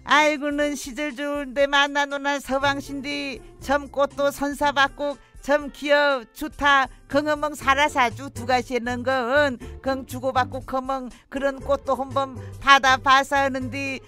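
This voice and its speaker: In a radio drama, a middle-aged Jeju housewife speaks in a thick Jeju accent, her voice high and bright. She rambles wistfully through her memories, sighing "aigo" between them.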